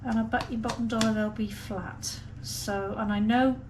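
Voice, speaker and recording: A woman's voice: on the high side, fairly even intonation, normal speed. A woman chatting casually and unhurriedly as she talks viewers through a home baking vlog step by step. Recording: clear background noise, room ambience.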